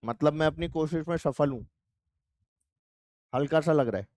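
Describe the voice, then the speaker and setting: A man's voice: a little high, normal speed, a little mellow, dry recording, studio quality. A male physics teacher giving a playful, chatty classroom lecture and teasing his students.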